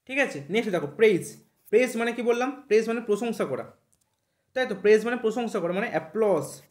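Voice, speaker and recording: The speaker is a man teaching English vocabulary online to exam candidates, talking rapidly in a high voice against a roomy echo. He checks in with "thik ache?" after nearly every point and slowly spells words out.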